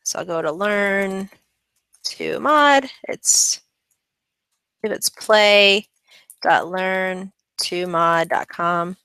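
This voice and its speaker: Bright, crisp-voiced woman explaining casually. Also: medium pitch, extremely slow, long pauses, no echo, rough recording. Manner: chatty and upbeat, with frequent ums. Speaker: kids' coding club instructor. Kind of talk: screen-recording tutorial walkthrough.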